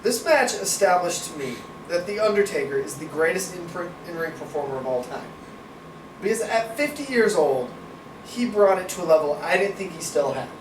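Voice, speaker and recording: A man's voice: high voice, expressive, normal speed. A man co-hosting a casual wrestling review podcast, giving strong opinions and swearing casually. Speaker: podcast co-host. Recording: roomy, distant mic, noisy background.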